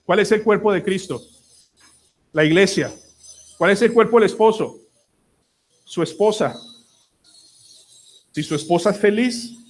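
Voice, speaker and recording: High-voiced Colombian pastor preaching. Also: male voice. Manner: earnest, asks the congregation many questions. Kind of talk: sermon.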